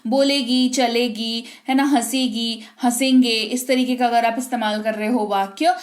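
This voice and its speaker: A woman with an Indian accent teaching grammar, explaining patiently and slowing down to say example sentences. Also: fairly high pitch, fairly even intonation. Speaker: English teacher.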